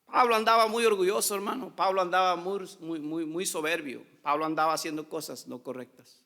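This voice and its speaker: High bright-voiced pastor preaching, big echoey church hall. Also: male voice, steady tone, fairly quick. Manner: preaching, repeats "hermanos" often, swings between loud and hushed. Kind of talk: sermon. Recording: long church hall reverb.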